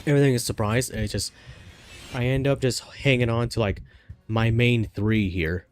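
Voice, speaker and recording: A man with a congested, cold-affected voice gives laid-back commentary while he plays, thinking aloud with lots of fillers and restarts. His mid-range voice keeps a fairly even intonation at a moderate pace, with faint music in the background.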